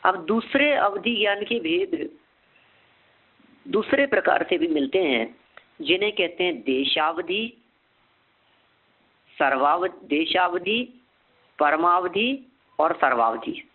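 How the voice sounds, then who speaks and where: Man, scripture teacher, slightly high voice, asks himself questions, repeats terms slowly, tinny phone-like sound. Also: lively intonation. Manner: asks and answers his own questions. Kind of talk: scripture lecture.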